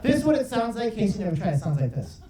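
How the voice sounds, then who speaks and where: Stand-up comic with a roomy club echo. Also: male voice, sits high, big pitch swings, very fast, recorded from a distance. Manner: chatty, riffs with the crowd, lots of "right?". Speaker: stand-up comedian. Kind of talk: stand-up comedy set. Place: comedy club stage, live audience. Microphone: handheld mic heard from a far camera. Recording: roomy club sound from afar, crowd.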